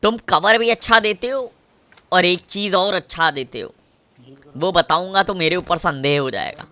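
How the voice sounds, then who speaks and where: A man with a Kanpur Hindi accent commentating his mobile gameplay, with swaggering, crude trash talk and shouts at enemies. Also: sits high, normal speed. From Kanpur, India. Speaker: mobile gamer.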